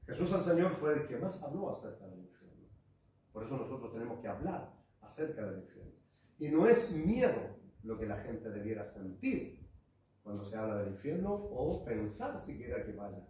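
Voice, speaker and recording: A man preaching an impassioned sermon, his voice swinging between fervent cries and hushed asides as he keeps calling out to his congregation. It comes from a distance in a large church hall with heavy echo, and the sound is a little dull. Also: mid-range voice. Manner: addresses the congregation as "hermano" and "iglesia". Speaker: pastor. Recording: echoey hall, voice far from the mic, muffled.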